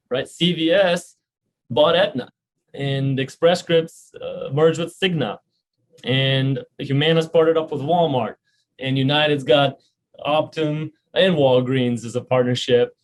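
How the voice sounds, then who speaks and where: A man's voice: on the high side, slight background noise. A man, a founder and CEO being interviewed on a podcast, talking earnestly with many restarts and filler words. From Romania. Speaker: health insurance company founder and CEO.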